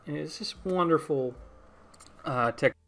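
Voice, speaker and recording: A man's voice: on the high side, a little slow, creaky, a bit bright, soft background music. A young man hosting his own podcast, talking casually and rambling, correcting himself and chuckling at his own tangents. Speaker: podcast host. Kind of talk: casual solo podcast talk.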